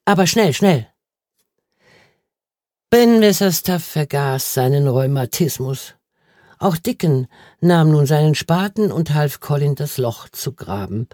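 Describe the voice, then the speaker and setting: A reader giving calm, even scripted narration of a children's novel. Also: medium pitch, a little slow, no room sound, clean studio sound. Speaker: audiobook narrator.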